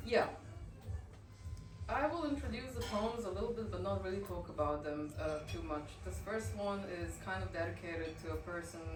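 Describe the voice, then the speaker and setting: In a café reading venue, a woman from Bosnia shares her poetry, not in English, offering spoken introductions in a soft, hesitant manner with fillers between pieces. Her pitch sits fairly low, and her native tongue is Bosnian-Croatian-Montenegrin-Serbian. The recording catches her from far away in an echoing room with noise behind her.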